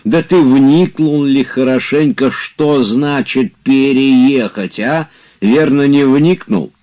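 A man reading aloud as an idle, touchy gentleman, reproachful and easily upset, in a storybook. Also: mid-range voice, slow pace, muffled recording, voice pushed up, close to an everyday voice. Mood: exasperated. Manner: exasperated, reproachful.

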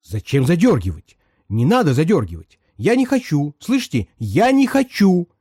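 A man doing a jumpy, sharp-nosed woman on a train, her voice pushed high and shrill. She speaks insistently and keeps pressing every point. The reading is close and dry. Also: wildly swooping pitch, fairly quick, dry recording. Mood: panicked.

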